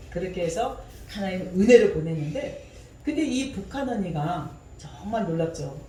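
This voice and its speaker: A woman's voice: on the low side, mellow, reverberant, far from the mic, a little hiss or hum, poor audio. A woman giving a personal testimony during a church service, telling her story vividly and often laughing.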